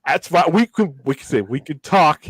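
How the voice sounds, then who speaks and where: Podcast co-host, male, casual and emphatic, repeats himself, slightly raised pitch, dry mic. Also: very animated, normal speed, dry recording, low-quality recording. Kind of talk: casual chat.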